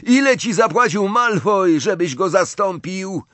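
A man's voice: high voice, expressive, unhurried, fairly bright tone, no room sound, pitched above the performer's own voice. A man voicing a brash teenage boy wizard, taunting and calling out. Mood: desperate. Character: cheeky teenage boy wizard sports player. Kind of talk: audiobook character voice.

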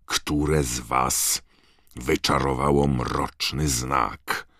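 A man voicing a cold, rough-voiced, furious male official in an audiobook, barking accusations. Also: rumbling low, slow pace, a bit bright, no room sound, studio quality, full character voice. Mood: cold, accusing. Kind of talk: audiobook character voice.

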